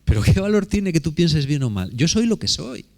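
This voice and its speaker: Emphatic preacher, conversational. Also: male voice, on the high side, sing-song, moderate pace, creaky, a little mellow. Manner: conversational, emphatic, asks rhetorical questions. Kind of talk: sermon.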